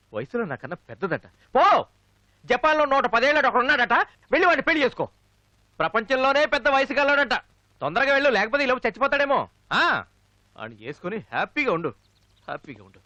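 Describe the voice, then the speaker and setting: A cocky young college student who courts his lecturer. His bright voice rises and falls with lively swings of pitch. He talks in a brash, teasing way that quickly turns into indignant ranting, as in a dubbed film. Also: full character voice. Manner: playful, then loud and indignant.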